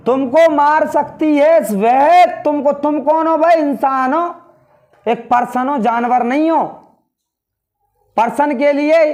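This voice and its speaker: A man teaching English grammar in Hindi, explaining step by step and repeating key words, saying the English sentences slowly. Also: extremely high pitch, a little mellow. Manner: often addresses students as brother. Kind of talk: classroom grammar lesson in Hindi.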